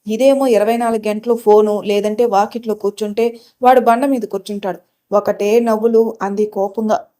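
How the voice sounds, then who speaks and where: A woman's voice: medium pitch, fairly even intonation, normal speed, lightly acted. A woman voicing an angry, strict middle-aged village mother who scolds her daughter. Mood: scolding. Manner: scolding, shouting.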